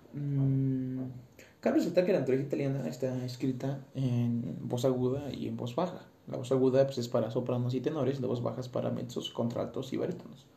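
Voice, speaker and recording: A young man with a Mexican accent talks through his solo podcast in a chatty, halting way, padding his sentences with fillers. His voice is very dark and mellow. The room is echoey, with a faint hum of noise behind him. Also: medium pitch, gravelly. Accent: Mexican Spanish. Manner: chatty, hesitant, full of fillers. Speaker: podcast host, singing student. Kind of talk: casual solo podcast talk.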